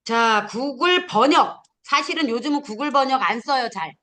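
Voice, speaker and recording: A middle-aged woman teaching a class of future smartphone instructors, animated, acting out learners and firing off questions. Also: sits high, normal speed. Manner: animated, acts out learners and scolding, punchy questions. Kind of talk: lively classroom lecture.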